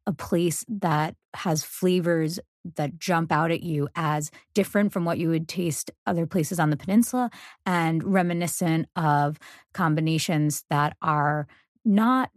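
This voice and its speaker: A woman hosting a podcast talks through ideas thoughtfully, in a slightly low voice. The recording is close and dry, with no room sound. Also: fairly even intonation, a little slow, no echo. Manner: thoughtful, explanatory, frequent listening murmurs. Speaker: podcast host. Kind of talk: casual podcast conversation.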